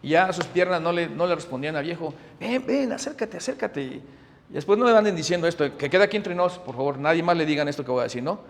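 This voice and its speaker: Middle-aged pastor, high-pitched and animated, preaching in a reverberant hall. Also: male voice, quick pace. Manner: animated, swings from loud emphasis to hushed asides. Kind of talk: sermon.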